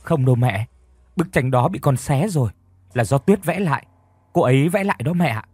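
A man's voice: mid-range voice, expressive, normal speed, a little mellow, breathy edge, dry recording. A man doing a shaken, stammering young man. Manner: stammering, urgent.

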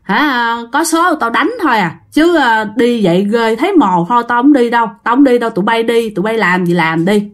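A woman's voice: a little high, lively intonation, fairly quick, hardly any pauses, close to an everyday voice. A woman voicing a timid grandfather who refuses to go, with a Southern Vietnamese accent. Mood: scared refusing. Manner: fearful, refusing.

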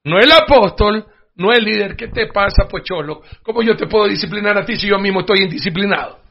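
A man preaches a sermon in a fairly high voice, swinging from quiet asides to loud emphatic bursts and acting out the people he quotes. The sound is dull and lo-fi, like an old radio broadcast. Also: brisk, creaky. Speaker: pastor.

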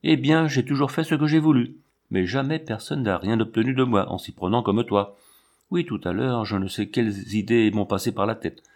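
A proud, firm middle-aged woman in a storybook reading, voiced by a man. She speaks sternly in a low voice and holds her ground, turning away an advance. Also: steady tone, fairly quick, few pauses, darkish tone, close to an everyday voice.

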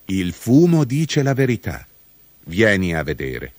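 Man doing a calm, grave old grandfather. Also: on the low side, a little slow, no echo, clean studio sound.

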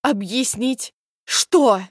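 A woman's voice: on the high side, little pitch movement, normal speed, no echo, clean studio sound, lightly acted. A woman voicing a heartbroken, betrayed young woman in an audiobook, whose voice breaks through tears. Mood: furious. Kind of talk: audiobook character voice.

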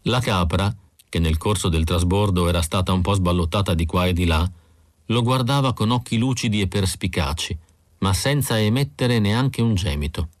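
A man narrating an audiobook in a measured, expressive reading. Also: sits low, no room sound, clean studio sound. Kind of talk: scripted narration.

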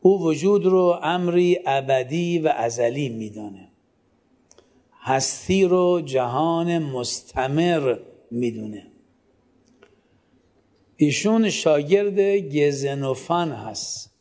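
A man delivers a classroom lecture in a voice sitting a little higher than most men's. He often poses a question to the room and answers it himself, and he gives his students direct instructions as he goes. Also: expressive, long pauses, darkish tone.

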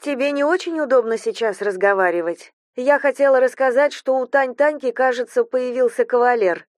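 A fretful, doting wife on a phone call, voiced by a female audiobook reader, speaking in a raised, soft, worried voice. The reading is close and dry, with no room around it. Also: high voice, moderate pace, no echo, voice pushed up, close to an everyday voice.

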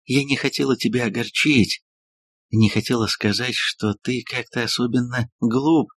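A man's voice: medium pitch, fairly even intonation, normal speed, a bit bright, husky, no echo. A man reading an audiobook, voicing a passionate, theatrical woman novelist who gushes breathlessly to her lover. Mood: rapturous.

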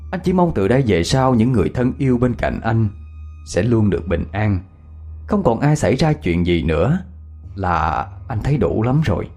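Guy telling a ghost story, husky voice, soft music under it. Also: lowish voice, normal speed. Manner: expressive storytelling. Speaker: narrator. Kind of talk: scripted ghost story narration.

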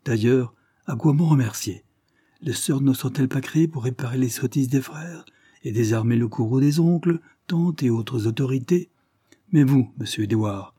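A man reading the part of a cheerful, quick-witted young woman who gently teases her brother in a storybook reading. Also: medium pitch, breathy edge, dry recording, studio quality, lightly acted. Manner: lively, gently teasing.

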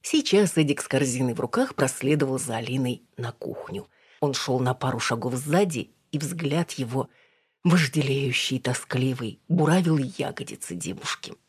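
A woman narrating an audiobook in an even, unhurried reading. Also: a bass voice, slightly rough, no echo, studio quality. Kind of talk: scripted narration.

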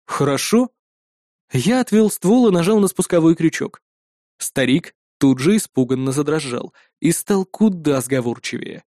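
Male narrator for a first-person audiobook, calm storytelling, dry close sound. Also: on the high side, normal speed, no echo.

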